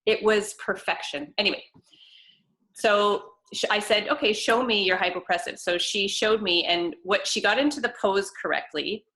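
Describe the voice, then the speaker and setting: A woman's voice: mid-range voice, normal speed, bright, forceful tone, low-quality recording. A woman co-hosting a casual video call, telling a long story with many restarts. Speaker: co-host, fitness trainer.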